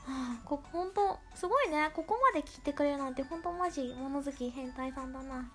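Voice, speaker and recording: A woman's voice: high voice, a little fast, soft background music. A woman podcast host with a cute, girlish anime-style voice, talking casually and rambling in a playful, self-deprecating way. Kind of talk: casual solo podcast talk.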